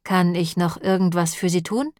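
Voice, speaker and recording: A woman voicing a calm, professional gunman who speaks in a measured, polite manner. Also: on the low side, no room sound, clean studio sound, close to an everyday voice. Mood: composed.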